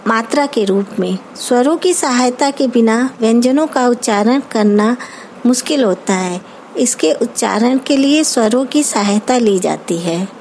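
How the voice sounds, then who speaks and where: A woman teacher with an Indian accent giving an online grammar lesson, explaining terms slowly and carefully, as if dictating. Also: on the high side, lively intonation, darkish tone, a little hiss or hum, low-quality recording. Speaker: school teacher.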